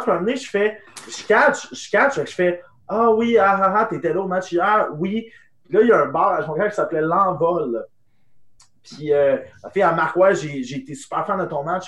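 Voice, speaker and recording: A young man with a Québécois French accent telling an animated anecdote in casual chat, dropping to hushed tones for the punchlines. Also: fairly high pitch, reverberant. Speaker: improv guest. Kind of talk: casual storytelling.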